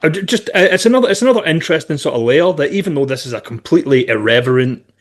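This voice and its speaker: A man co-hosting a podcast, talking in a quick, thoughtful, casual way. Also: fairly high pitch, lively intonation. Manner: quick, thoughtful, says "aye". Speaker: podcast co-host. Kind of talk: casual chat.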